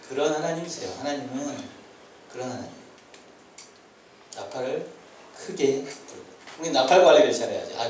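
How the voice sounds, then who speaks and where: A man giving a sermon to high school students, animated and joking, with shouted calls between his points. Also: a little hiss or hum. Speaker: youth pastor. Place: church hall. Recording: echoey church hall from far off, faint ambience.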